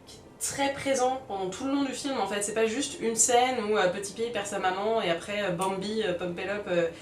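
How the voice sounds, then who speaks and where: Her voice sits at a medium pitch with fairly even intonation, normal speed, and slight background noise. She is a woman running a film review vlog, speaking in a chatty, explanatory manner that blends scripted narration and casual talk. The audio is roomy, with a distant mic and a little music faintly playing.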